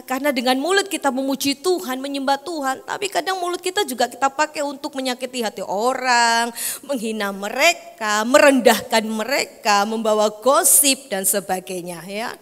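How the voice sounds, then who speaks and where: A woman's voice: high voice, fairly bright tone. A woman preaching a sermon in a church, chatty and conversational, acting out voices of family members in her stories. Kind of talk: sermon with acted-out family anecdotes. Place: church hall. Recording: echoey church hall.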